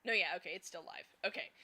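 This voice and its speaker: Bright-voiced, giggly woman streamer. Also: mid-range voice, husky. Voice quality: slips into a slight lisp at times. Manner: rambling and giggly, many fillers. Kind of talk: casual live-stream chat.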